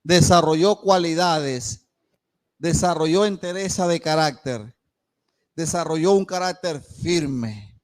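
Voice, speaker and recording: A man preaching a sermon in a church, swinging between loud calls and hushed asides and acting out the voices he quotes. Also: fairly high pitch, takes it slowly. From Panama. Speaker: pastor.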